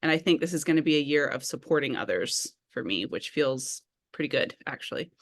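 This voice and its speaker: A woman's voice: low-pitched, animated, fairly quick. A woman speaking candidly and thoughtfully in a community group meeting, with fillers. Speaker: community arts meeting participant. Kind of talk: casual sharing in a group meeting.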